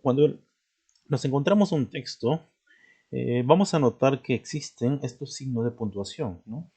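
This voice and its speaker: A man's voice: mid-range voice, normal speed, mellow, breathy edge. A man teaching a lesson, explaining step by step and ending almost every phrase with a checking "¿no?". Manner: explanatory, tags nearly every phrase with a questioning "¿no?". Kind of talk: classroom lesson.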